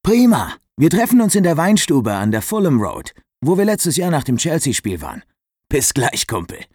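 A man pitching up for a jubilant young man. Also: huge pitch swings, moderate pace, a little mellow, husky, no room sound, clean studio sound, heavily acted. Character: jubilant young man, newly engaged, football fan.

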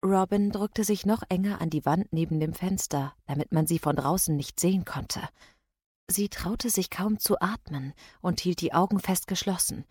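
A woman reads an audiobook in measured, steady narration. Her voice sits somewhat low, and the recording is dry and close, with no room sound at all. The storytelling is even and unhurried. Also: breathy edge, no echo. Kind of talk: scripted narration.

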